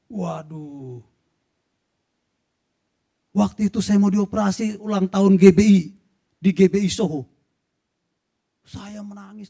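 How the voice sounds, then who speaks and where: A man's voice: sits high, gravelly, warm tone. A middle-aged male pastor preaching emphatically to his church, repeating phrases for stress. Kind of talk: sermon with personal testimony. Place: church hall.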